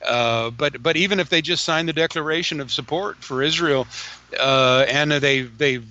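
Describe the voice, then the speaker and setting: A man from the United States speaks as a call-in guest over a phone line that glitches and keeps breaking up. His sound is dull and lo-fi, yet his tone is bright. He talks haltingly and restarts his phrases as he goes. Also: on the high side. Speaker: guest caller. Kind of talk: call-in interview.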